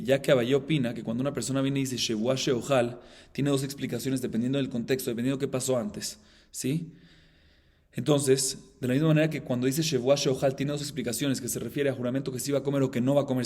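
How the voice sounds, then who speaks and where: Fast-talking rabbi teaching Talmud. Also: male voice. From Colombia. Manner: fast, animated explaining, acting out the case dialogue, reading Aramaic in a low murmur. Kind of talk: Talmud class.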